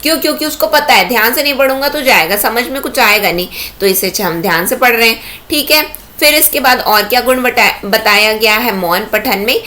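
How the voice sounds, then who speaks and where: A woman's voice: fairly high pitch, brisk, few pauses, sharp tone. A woman teaching an exam-prep lecture, explaining step by step and asking herself rhetorical questions.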